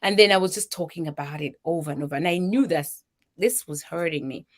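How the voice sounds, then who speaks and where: A woman's voice: sits low, fast. Zambian woman telling a personal story. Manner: emotional, animated storytelling with voiced quotes. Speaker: guest, charity founder.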